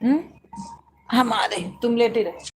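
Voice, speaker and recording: Woman, Awadhi accent, unhurried speech, coaxing and soothing tone, live stream chat. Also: a little high, a little hiss or hum. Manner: coaxing, soothing a sick child.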